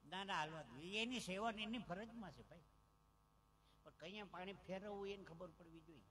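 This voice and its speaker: A man speaks at a normal pace in a high voice. Through the PA system of an outdoor village stage, this Gujarati-accented folk comedian performs live, animatedly telling jokes and stories and mimicking the voices of his characters.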